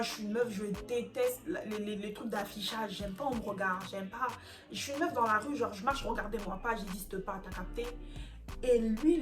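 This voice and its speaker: A young woman from France tells a story to camera with lively, slangy drama, her voice sitting a little high for a woman. Music plays clearly underneath her talk. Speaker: YouTuber telling a story. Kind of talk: animated storytime vlog.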